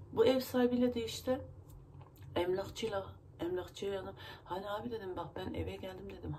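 A woman talks straight to her viewers, rambling and agitated as she vents, with her nose stuffed up from crying. Her voice sits at a middling pitch. A faint noise runs under her words. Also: a little mellow. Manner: agitated, rambling, emotional venting. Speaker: vlogger. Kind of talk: casual vlog talk to viewers.

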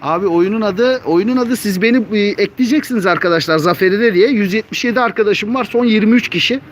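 A man's voice: sits high, fast, a little hiss or hum. A young man chatting casually on a live stream, reading viewer comments aloud and cooing at his cats at home.

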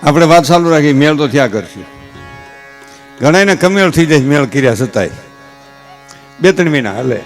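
A man's voice: a little high, moderate pace, pauses often, faint music behind. Folksy Kathiawadi man telling stories on stage. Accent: Kathiawadi Gujarati. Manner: folksy, animated storytelling with gestures; earnest advising. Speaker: stage comedian. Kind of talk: humorous stage talk with advice.

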